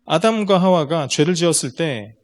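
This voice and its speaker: A man's voice: on the high side, expressive, moderate pace. A man giving a seminar lecture to parents, explaining step by step and putting rhetorical questions straight to the audience. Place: lecture room at a school.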